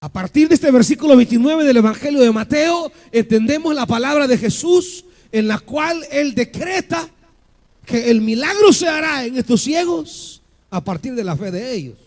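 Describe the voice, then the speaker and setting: A male pastor with a very high-pitched voice preaches a passionate sermon. He poses rhetorical questions to the congregation and builds up to shouted peaks.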